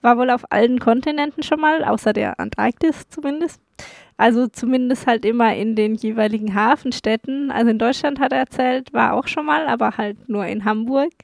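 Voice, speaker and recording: A woman telling a travel story as a vlogger, relaxed, with dry humor. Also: a little high, a little fast, gravelly, dry recording.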